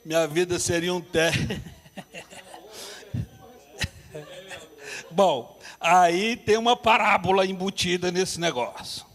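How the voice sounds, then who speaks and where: A man's voice: sits high, steady tone, slow, pauses often, fairly bright tone. A man teaching a couples workshop at church, telling humorous, self-deprecating stories. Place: church hall. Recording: reverberant church hall.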